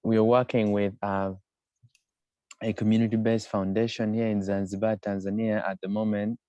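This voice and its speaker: Measured man, low smooth voice. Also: flat delivery, mellow, no echo. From Uganda. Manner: measured, with frequent "uh" pauses. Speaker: permaculture project leader. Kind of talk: video call conversation. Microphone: video call. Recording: dull, muffled video call audio.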